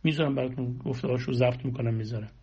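A man's voice: medium pitch, steady tone, a little mellow, slightly rough. A man giving a spiritual sermon, exhorting listeners with rhetorical questions and long lists, on a dull lo-fi recording. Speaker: religious speaker.

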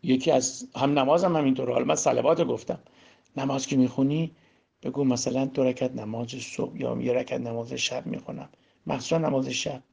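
A man preaching a sermon on Quran verses, who asks and answers his own questions and swings between loud emphasis and hushed demonstration. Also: mid-range voice, fairly even intonation. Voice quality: gravelly; husky. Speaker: religious teacher. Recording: dull lo-fi recording.

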